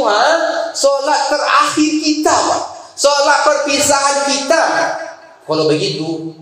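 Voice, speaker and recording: A middle-aged man with a West Sumatran accent giving a lively Ramadan sermon, often asking his congregation questions. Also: high-pitched. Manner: animated, conversational, asks the congregation questions. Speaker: preacher. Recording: very echoey hall.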